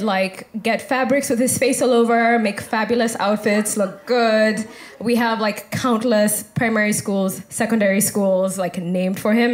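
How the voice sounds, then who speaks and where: A woman with a Kenyan accent performing conversational stand-up comedy in a playful, informal way at a live event. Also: medium pitch. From Nairobi, Kenya. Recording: noisy live event recording.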